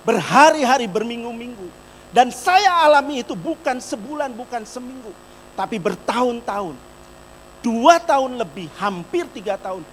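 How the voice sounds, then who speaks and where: A middle-aged man preaching a sermon in church, telling a personal testimony and speaking directly to the congregation, moving between loud emphatic peaks and soft, quiet storytelling. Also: very high voice, expressive, normal speed, a little hiss or hum, poor audio. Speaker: pastor.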